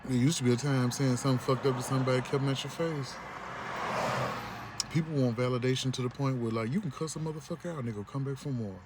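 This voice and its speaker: A fast-talking man with a mid-range voice vlogs a blunt, profane rant, often acting out what other people say. Vehicle noise can be heard behind this ranting monologue.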